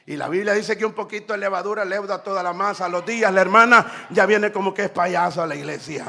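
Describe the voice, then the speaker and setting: Pastor guy preaching loud, really high bright voice, big echoey church. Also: quick pace, creaky. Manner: impassioned preaching, shouting phrases, frequent hallelujahs. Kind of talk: sermon.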